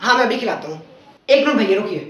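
A man's voice: sits high, lively intonation, fast talker, bright, forceful tone, slight background noise, pitched below the performer's own voice. Young man plays a pushy momo vendor, sarcastic comebacks, recorded from a distance in an echoey room. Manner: snappy, sarcastic replies. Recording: roomy, from far off.

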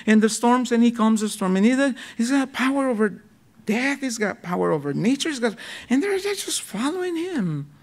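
A male pastor preaching a sermon, telling the story dramatically and swinging between loud bursts and hushed, slow passages. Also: very high-pitched. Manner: repeats words when excited.

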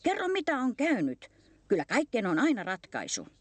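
A woman voicing a kindly old male bear who explains things loudly and earnestly. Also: on the high side, wildly swooping pitch, no room sound, pitched above the performer's own voice.

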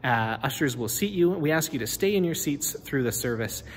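A man's voice: mid-range voice, expressive, moderate pace, a little hiss or hum. Pastor guy in his 30s rambling friendly on a phone at arm's length, medium voice, echoey empty church. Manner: friendly, chatty, frequent fillers and restarts. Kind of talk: casual walkthrough video. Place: inside an empty church building. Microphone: phone held at arm's length. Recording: reverberant hall with faint ambience.

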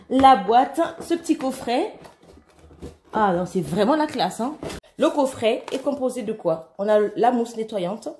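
A woman vlogger chatting casually and excitably while unboxing skincare products, laughing often and using many fillers. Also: fairly high pitch. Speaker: beauty vlogger. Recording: echoey room.

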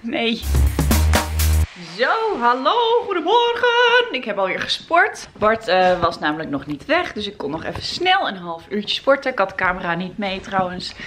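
A young woman chatting casually to camera in a home vlog, now and then switching to a high sing-song voice for her baby. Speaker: vlogger.

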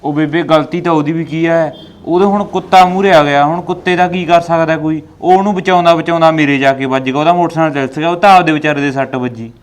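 Guy doing a patient son, calm, bit higher voice. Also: quick pace, natural voice. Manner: calm, explaining.

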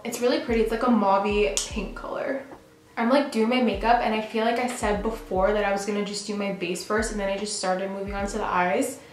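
In a reverberant, low-quality recording, a young adult beauty vlogger from New York does her makeup in her bathroom and chats through a get-ready-with-me session. Her mid-range voice stays steady in tone and brisk, and "like" keeps popping up as filler.

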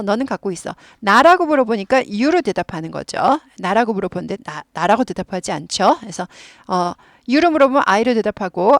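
A woman teaching English grammar in Korean, explaining patiently and repeating words slowly for practice. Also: mid-range voice, dry recording, clean studio sound.

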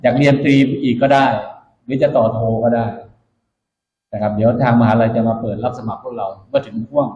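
A man's voice: mid-range voice, fairly even intonation, a little fast, darkish tone. A man speaking as a military officer to new recruits, instructive and emphatic, repeating his key points in a motivational orientation speech. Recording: echoey room, dull muffled sound.

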